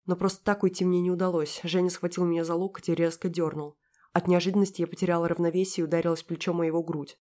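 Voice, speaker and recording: A woman reading first-person audiobook narration in a quiet, intimate, emotionally engaged way. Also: on the low side, little pitch movement, quick pace.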